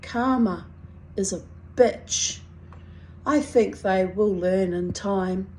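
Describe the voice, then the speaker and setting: A middle-aged woman with a strong New Zealand accent reads her own personal writing aloud in a wry, deliberate, dramatic way. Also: mid-range voice, mellow, a little hiss or hum, low-quality recording. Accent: strong New Zealand (Kiwi). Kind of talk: expressive reading of personal confessional prose.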